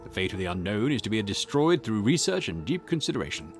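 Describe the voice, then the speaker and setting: Soft background music plays as a man performs visual novel dialogue for a pompous, snappish historian and occult researcher who is conceited, irritable, and condescending. He lectures self-importantly in a fairly low, very animated, fast voice.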